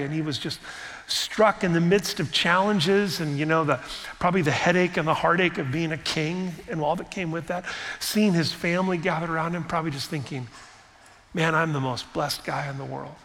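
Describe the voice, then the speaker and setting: A man's voice: a little high, a bit bright, big-room sound. A man preaching a sermon as pastor, in a conversational, musing way with many asides.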